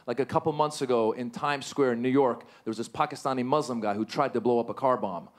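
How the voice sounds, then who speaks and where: A man performing stand-up comedy on stage, animated and given to sudden high-pitched outbursts. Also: fast. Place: stage before a live audience.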